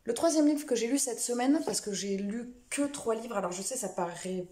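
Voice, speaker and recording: A woman's voice: a little high, moderate pace, mellow, roomy sound. A woman chatting casually about the books she read this week, rambling a little, with lots of fillers and self-corrections. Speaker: book vlogger. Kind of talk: casual book review chat.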